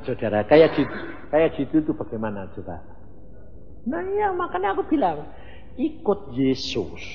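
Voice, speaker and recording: A middle-aged male pastor, preaching in an animated storytelling manner with sudden loud outbursts. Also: medium pitch, a little hiss or hum. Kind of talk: sermon. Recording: dull, hall reverb.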